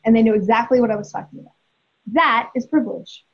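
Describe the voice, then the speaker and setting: A woman's voice: on the high side, fast talker, slightly rough. A woman in her forties, speaking as a guest and telling a story candidly, with emphasis and frequent restarts. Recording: dull lo-fi audio.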